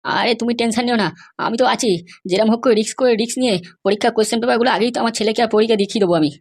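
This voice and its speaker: Racing along in a slightly high voice, a woman plays a comedy cartoon's scheming male schoolmaster, evasive and placating, who says things over and over.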